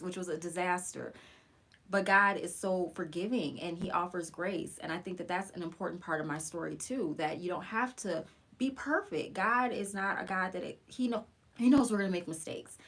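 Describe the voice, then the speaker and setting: A woman's voice: fairly low pitch, fairly bright tone. A woman in her forties speaking earnestly and encouragingly in a casual live stream about her faith. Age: 40s. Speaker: faith vlogger. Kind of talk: live-stream personal testimony.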